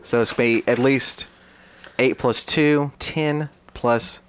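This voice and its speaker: A man's voice: medium pitch, steady tone, takes it slowly, slight background noise. A man playing a tabletop game, plainly explaining the rules. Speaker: player. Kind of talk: casual tabletop game talk.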